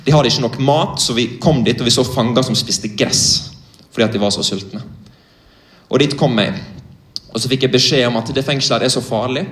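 A man's voice: mid-range voice, roomy sound. A young man from Norway preaching, telling a vivid, earnest story in a direct way. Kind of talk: sermon testimony.

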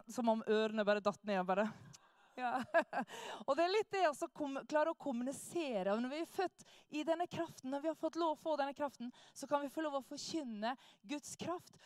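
A woman tells a church testimony in a lively, animated way and acts out the people she quotes. Her voice sits a little high. The sound is dry and close, with no room echo. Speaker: speaker sharing a testimony. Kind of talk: lively personal storytelling.

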